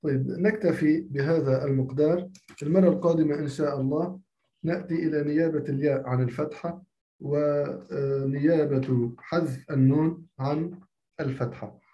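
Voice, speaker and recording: A man's voice: fairly high pitch, fairly even intonation, mellow. Man teaching grammar in dull recording. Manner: repeats key phrases slowly, asks class for questions. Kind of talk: live grammar lesson.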